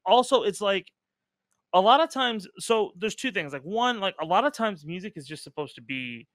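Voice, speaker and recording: A man's voice: high-pitched, lively intonation, moderate pace, a bit bright, dry recording, studio quality. A man hosting a casual podcast chat, talking emphatically with lots of fillers and casual swearing. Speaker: podcast host.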